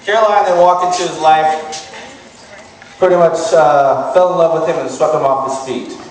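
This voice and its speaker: A man's voice: on the high side, steady tone, moderate pace, a little mellow. Echoey, distant man giving a wedding toast. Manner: casual, joking delivery. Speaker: best man. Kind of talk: wedding toast, comic storytelling. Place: large room at a wedding reception. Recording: echoey hall, distant mic, noisy crowd. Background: wedding guests and crowd noise.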